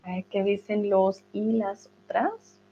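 A woman's voice: medium pitch, little pitch movement, slow pace, slight background noise. A woman teaching a live online grammar lesson, patiently drilling verb conjugations aloud and reassuring her students. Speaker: Spanish teacher. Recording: slightly dull lo-fi sound.

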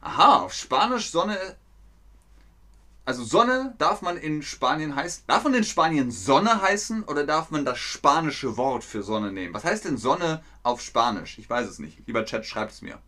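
A man giving a playful live-stream lesson to his chat, speaking slowly and clearly. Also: a little high, very animated, sharp tone. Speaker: German teacher streaming to chat.

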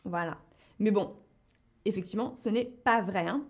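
A woman hosting a live lesson, speaking slowly and clearly and putting questions to her viewers. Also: mid-range voice. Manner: slow and deliberate, asks the audience questions. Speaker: host of a live French-learning stream.

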